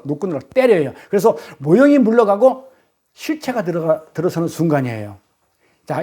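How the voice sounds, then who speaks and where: A man's voice: sits high, dark tone. A male pastor giving a Sunday sermon in blunt, colloquial speech, acting out heated arguments as he preaches.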